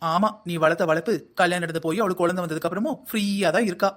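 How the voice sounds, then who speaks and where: A voice doing a scolding older husband, fast. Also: mid-range voice, fairly bright tone, close to an everyday voice. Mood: grumbling. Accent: South Tamil Nadu. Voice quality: scolding, nagging. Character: grumbling older husband and father. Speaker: voice actor in a family cartoon. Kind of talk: cartoon family comedy acting.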